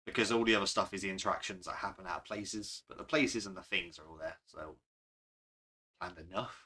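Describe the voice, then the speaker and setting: Bright-toned male game master in a loose, rambling chat, quick to laugh at himself. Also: deep voice. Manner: rambling, self-deprecating, laughs often. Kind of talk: casual podcast chat.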